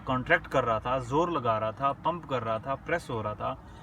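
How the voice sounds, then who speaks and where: Reading English definitions at a slow pace before unpacking them in casual terms, a male medical lecturer keeps confirming understanding with brief words throughout. The medium-pitched, sharp voice is captured from a distance, with the highs cut off and slight hiss or hum.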